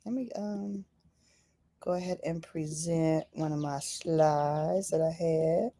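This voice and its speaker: A woman's voice: deep voice, steady tone, slow, mellow, no echo. A woman hosting a livestream, talking casually and fervently, repeating phrases for emphasis and calling out to "y'all". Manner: casual, many fillers, says "y'all". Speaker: livestream host. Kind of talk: impassioned livestream talk.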